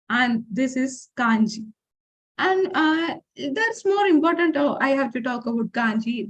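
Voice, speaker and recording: A woman giving an informal lecture presentation, explaining step by step with fillers and restarts, and reading example phrases aloud. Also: high-pitched. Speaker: forum speaker.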